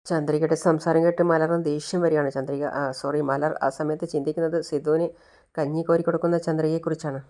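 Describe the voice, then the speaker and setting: A woman narrating a retelling of a TV serial episode in a plain, steady way. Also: deep voice, quick pace. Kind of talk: casual story narration.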